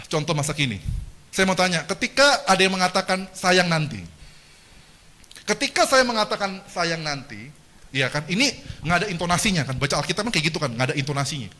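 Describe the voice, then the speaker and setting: A man giving a lively seminar lecture, asking the audience questions and joking with them. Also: a little high. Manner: animated, engages the audience with questions and jokes. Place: lecture hall.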